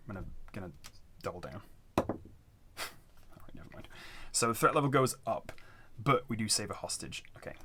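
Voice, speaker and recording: A man's voice: lowish voice, lively intonation, moderate pace, pauses often, bright, forceful tone, a little hiss or hum. A man giving casual, unscripted commentary as he plays a board game, hesitantly talking himself through his choices. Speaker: solo board game player narrating a playthrough.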